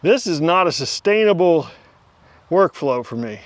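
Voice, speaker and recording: A man's voice: fairly high pitch, lively intonation, a little slow, no echo. A man in his fifties hosting a casual vlog, rambling and talking to himself while he works outdoors. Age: 50s. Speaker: channel host. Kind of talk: casual vlog talk to camera.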